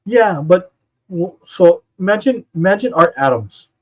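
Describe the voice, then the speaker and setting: A man's voice: high voice, lively intonation, a little slow, rough recording. A man co-hosting a casual art stream, rambling with lots of fillers and "you know what I mean". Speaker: co-host and illustrator.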